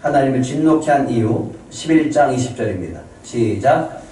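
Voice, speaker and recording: A man's voice: mid-range voice, expressive, moderate pace, noisy background. A male pastor giving a Sunday sermon, reading scripture aloud and putting questions to the congregation. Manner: asks the congregation questions and answers them. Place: church sanctuary. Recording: echoey church hall, mic from a distance.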